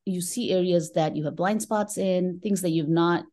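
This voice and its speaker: In a conversational podcast interview, a middle-aged Nepali tech professional speaks reflectively, regularly tossing in short tag questions. Her lowish voice is mellow and steady, at a moderate pace.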